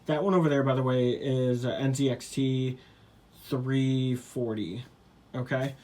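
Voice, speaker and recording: A man casually showing off his gaming setup on a handheld camera, talking in a loose, rambling way with lots of fillers and quick apologies. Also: medium pitch, steady tone, a little mellow. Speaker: gaming YouTuber and streamer. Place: home gaming room.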